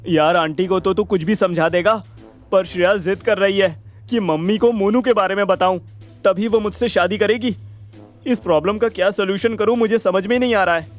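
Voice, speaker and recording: A man's voice: high voice, normal speed, soft background music, pitched above the performer's own voice, natural voice. A man voicing a cheeky young male friend who talks in brash, slangy, mocking banter. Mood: earnest.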